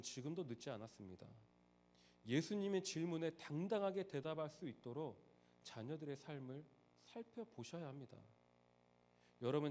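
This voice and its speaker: A man preaching a sermon as a pastor, switching between loud emphasis and hushed asides. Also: on the high side.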